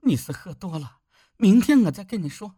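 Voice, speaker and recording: A husky young village wife, as a male storyteller puts her on, her pleas leaping up and falling low. The voice is close and dry, with no room around it. She sounds wronged and desperate. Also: sing-song, moderate pace, dark tone, dry recording, heavily acted. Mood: scolding. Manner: pleading, rising to cries. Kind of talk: audiobook character voice.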